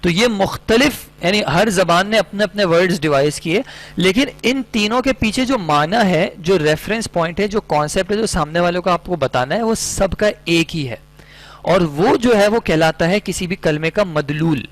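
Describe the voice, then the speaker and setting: A man's voice: sits high, moderate pace, rough recording. A man teaching Arabic grammar in an online lecture, patiently explaining with many everyday examples.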